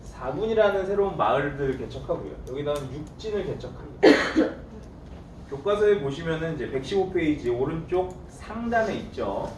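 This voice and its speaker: A man's voice: fairly high pitch, animated, normal speed, darkish tone. A man teaching history to a class, putting questions to the students and answering them himself in a playful, teasing way. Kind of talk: classroom lecture. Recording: roomy classroom from far off, faint noise.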